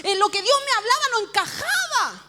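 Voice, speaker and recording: Very high-voiced woman pastor, echoing church hall. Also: fairly quick, very noisy. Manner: lively storytelling, laughing at herself. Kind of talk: personal testimony sermon. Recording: long church hall reverb.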